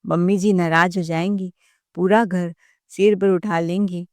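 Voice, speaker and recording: A woman's voice: on the low side, fairly even intonation, measured pace, a little mellow, dry recording, close to an everyday voice. A woman voicing a timid, nervous young daughter-in-law in a told story. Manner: nervous, hesitant.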